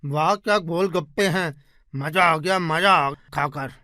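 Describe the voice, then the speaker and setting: A man's voice: on the high side, takes it slowly, bright, forceful tone, no echo. A man voicing a boastful, greedy young village man in a cartoon story. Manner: boastful, whiny in pain.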